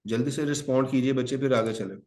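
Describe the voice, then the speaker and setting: A man of medium pitch with a darkish tone talks fast in a reverberant recording, teaching English grammar online for exam prep in a Hindi-Urdu and English mix. He calls his students children, quizzes them, and answers the questions he asks.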